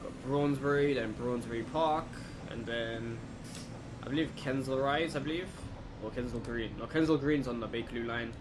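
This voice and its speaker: At a moderate pace and medium pitch, a gaming video host narrates an unscripted let's play, casually thinking out loud. There's a steady background hum, like air-conditioning, though the recording stays clear.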